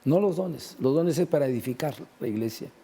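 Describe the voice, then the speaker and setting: Gravelly-voiced man talking about faith. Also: mid-range voice, expressive, brisk, mellow. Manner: retells gospel scenes with acted-out quotes. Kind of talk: conversational religious talk show.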